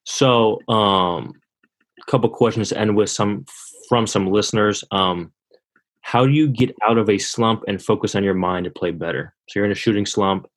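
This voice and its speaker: A man's voice: lowish voice, moderate pace. Laid-back man asking listener questions. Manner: relaxed, reads listener questions. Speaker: podcast host. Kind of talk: interview questions.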